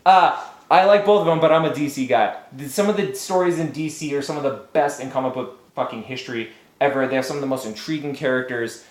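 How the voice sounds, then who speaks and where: A man's voice: mid-range voice, fast. A man co-hosting a casual chat, ranting heatedly and swearing a lot. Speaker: podcast co-host. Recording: echoey room.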